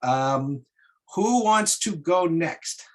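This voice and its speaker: A man informally moderating an online meeting, giving polite instructions in a halting way. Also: a little high, animated.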